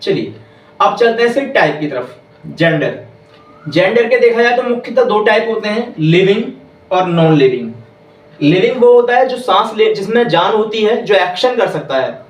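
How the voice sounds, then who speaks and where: A man teaching English grammar in a classroom, repeating each point slowly and quizzing the listeners. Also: high voice, lively intonation. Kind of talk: classroom lesson. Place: classroom with whiteboard. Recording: echoey room, voice from far off.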